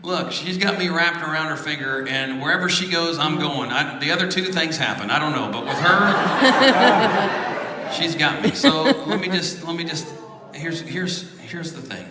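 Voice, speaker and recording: A man telling a story between songs on a church stage, animated, then dropping to a hushed voice. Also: a little high, a little slow. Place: large church hall with an audience. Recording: echoey church hall, crowd reacting. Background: audience responses.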